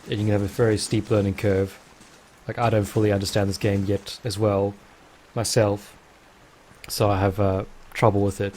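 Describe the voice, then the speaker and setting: A man's voice: lowish voice, a little mellow. A man casually commentating his own gameplay, rambling and thinking aloud. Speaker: let's play host.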